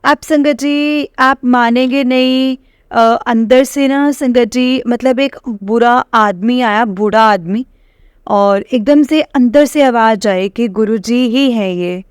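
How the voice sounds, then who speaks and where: A woman's voice: on the high side, slow, clear, resonant tone, no room sound, studio quality. A woman telling a personal testimony to a congregation. She talks hesitantly, with many fillers and restarts, and often turns to address her listeners. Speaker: devotee sharing a personal experience.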